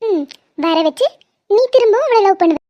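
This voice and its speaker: Squeaky jealous toon wife, woman doing it, whiny n dramatic, dry muffled audio. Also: animated, normal speed, dark tone, no echo. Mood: sulky. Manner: whiny, accusing, theatrical. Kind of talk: animated comedy dub. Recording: dull lo-fi sound.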